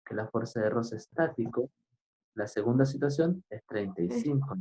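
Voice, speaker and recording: A man teaching physics, explaining a problem step by step and often pausing to ask his students if they follow. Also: mid-range voice, lively intonation, warm tone. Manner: keeps asking "right?" to check understanding; patient, step-by-step. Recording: dull lo-fi recording.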